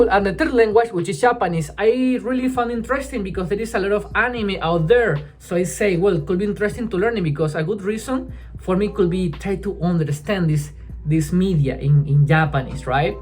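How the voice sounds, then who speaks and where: A language-learning vlogger whose first language is Spanish chats casually to the camera, often halting, restarting, and ending sentences with "right?". She has a mid-range voice that is a little mellow.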